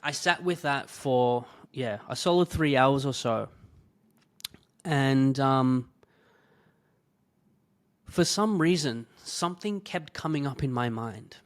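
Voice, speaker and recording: A man's voice: medium pitch, animated, slow, long pauses, dry recording. A man, a fitness business owner, telling a personal story in a candid, emotional way, swearing freely and dropping almost to a whisper at the hurtful parts.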